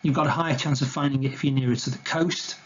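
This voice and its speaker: A man's voice: medium pitch, fairly even intonation, quick pace, a bit bright, dull audio. Man giving a chatty illustrated nature talk. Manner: conversational, chatty and informal. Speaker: wildlife educator presenting a talk.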